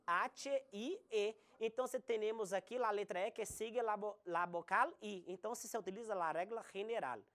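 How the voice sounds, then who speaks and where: A woman teaching a recorded Spanish grammar lesson, slowly spelling out examples. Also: mid-range voice. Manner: slow, deliberate explanation with spelled-out examples.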